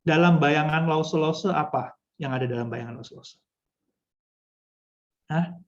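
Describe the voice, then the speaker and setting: A woman's voice: low voice, normal speed, lo-fi sound. A woman trainer teaching a storytelling workshop for children's ministry. She speaks instructively, addresses her listeners often and acts out short examples. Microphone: video call.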